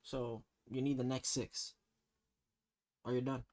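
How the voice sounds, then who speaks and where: A man's voice: mid-range voice, flat delivery, takes it slowly, darkish tone. Teasing Toronto man hosting a slang quiz. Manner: teasing, mock-stern, slangy. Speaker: quiz host. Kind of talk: casual slang quiz banter.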